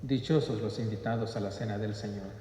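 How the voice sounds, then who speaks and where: Solemn priest in cathedral echo. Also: male voice, on the low side, fairly even intonation, fairly quick, dark tone, slight background noise. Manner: solemn, formal recitation. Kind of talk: liturgical prayer and blessing. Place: large reverberant church interior. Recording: echoey church with long reverb.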